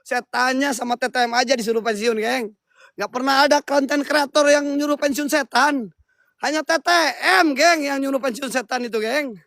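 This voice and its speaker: Young male ghost-hunt vlogger, very high voice, excitable and shouty, casual slang. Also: normal speed, no echo, clean studio sound. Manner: loud excitable calling out, slangy banter with the crew. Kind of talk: casual night-time ghost-hunt vlog. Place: forest at night, outdoors.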